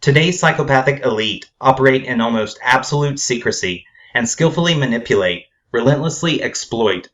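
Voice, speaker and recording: A man narrating a scripted spoken essay in a measured, formal, grave manner. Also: medium pitch, animated, a bit bright.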